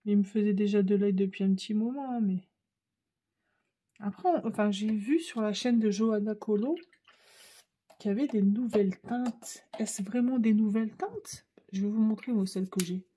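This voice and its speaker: A woman's voice: mid-range voice, moderate pace, warm tone, breathy edge. A woman with a Ch'ti accent from northern France, chatting casually to viewers while she tries out art supplies. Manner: chatty, thinks aloud while painting. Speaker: craft channel host.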